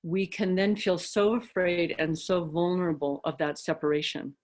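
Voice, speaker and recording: A woman's voice: fairly low pitch, fairly even intonation, normal speed, darkish tone. A woman dharma teacher giving a reflective talk, telling stories with casual fillers.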